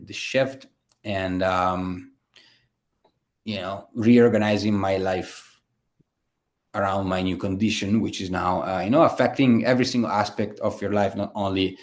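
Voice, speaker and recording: A man's voice: sits low, fairly even intonation, slow. A man, a guest telling his story in a casual interview, rambling with many fillers and restarts. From Italy. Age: 30s.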